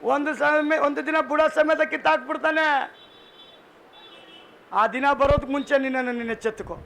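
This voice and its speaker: A man's voice: extremely high pitch, steady tone, moderate pace, vocal fry, fairly bright tone, a little hiss or hum. A male pastor with a Kannada accent preaching a sermon in a church, asking the congregation questions and calling for responses. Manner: rhetorical call-and-response preaching. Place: church hall.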